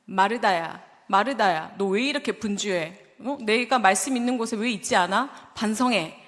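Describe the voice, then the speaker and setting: A woman's voice: medium pitch, a little slow, lightly acted. A woman pastor voicing Jesus as a tender, compassionate man who soothes and coaxes a weary woman. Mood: scolding. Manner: soft, soothing, coaxing. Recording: long church reverb.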